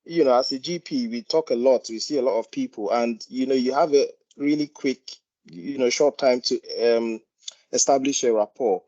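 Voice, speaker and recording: Speaking at normal speed in a mellow, mid-range voice, this GP doctor contributes to an informal meeting discussion. He has a Nigerian accent and repeats words hesitantly while explaining. The recording is muffled.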